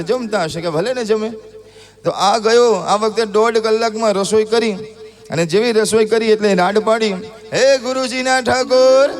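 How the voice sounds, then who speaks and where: A male preacher telling a devotional story in a sermon, acting out the characters with drawn-out calls. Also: sits high. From Gujarat. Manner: acts out characters' voices in a drawn-out calling tone.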